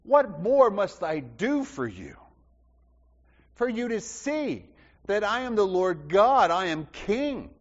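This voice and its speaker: A man preaching with a lively, swooping delivery, piling up repeated phrases and falling to near whispers before rising again. His voice is a touch higher than most men's. The recording is dull and carries a long reverb, as in a large church. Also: takes it slowly. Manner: impassioned, rhetorical repetition, swings from loud to hushed. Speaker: pastor. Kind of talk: sermon.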